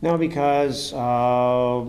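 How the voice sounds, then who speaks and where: A man working as an interviewer and coach, talking conversationally and enthusiastically, often halting and repeating words for emphasis. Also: mid-range voice, steady tone, a little mellow.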